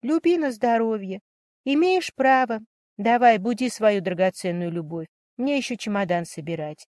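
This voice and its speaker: Woman reading calm stubborn young woman, steady tone, dry recording. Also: a little high, normal speed, no room sound, close to an everyday voice. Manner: steady, resolute.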